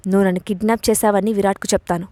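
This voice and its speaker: A feisty young woman in an audio story, quick to anger and always snapping back with indignation, as a woman narrator reads her. Her voice is mid-pitched and heard close and dry. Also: fairly even intonation, dark tone, no room sound, lightly acted. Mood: defiant. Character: feisty young bride, defiant and hot-tempered.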